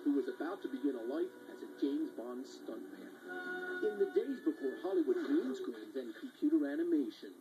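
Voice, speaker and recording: A man's voice: mid-range voice, lively intonation, a little fast, dull audio, music in the background. A man narrating a news travel feature in an upbeat, playful tone. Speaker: TV reporter.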